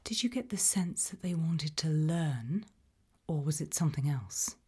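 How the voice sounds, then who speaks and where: In this ASMR roleplay, a British woman acts as an interviewer, posing soft, measured questions in a breathy whisper. Her voice is deep, with lively intonation.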